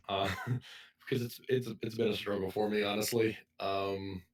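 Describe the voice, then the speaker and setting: A man with a raspy voice from being sick, hosting a casual podcast in a halting way. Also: lowish voice, little pitch movement, recorded from a distance. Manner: halting, with restarts. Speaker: podcast host.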